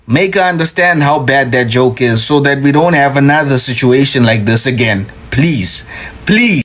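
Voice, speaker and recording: A man's voice: medium pitch, moderate pace, a bit bright. Earnest man pleading with viewers.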